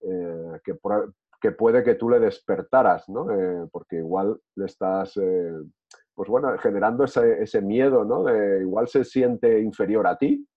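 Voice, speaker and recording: A man's voice: fairly low pitch, measured pace, slightly rough. A man speaking reflectively in a casual group discussion, with many hesitations and restarts. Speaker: discussion participant. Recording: tinny phone-like line.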